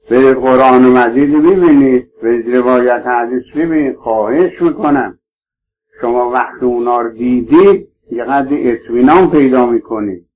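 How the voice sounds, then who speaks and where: A man's voice: medium pitch, darkish tone, muffled recording. A man preaching a sermon to his listeners, emphatic and pleading, swearing oaths to stress his points.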